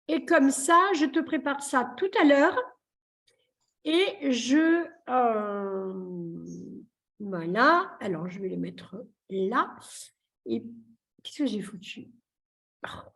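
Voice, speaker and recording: Chatty French therapist woman, slightly high voice. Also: expressive, extremely slow, pauses often. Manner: chatty, warm-hearted and joking, many fillers. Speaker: therapist hosting a live session. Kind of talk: casual live chat. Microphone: computer mic on a video call.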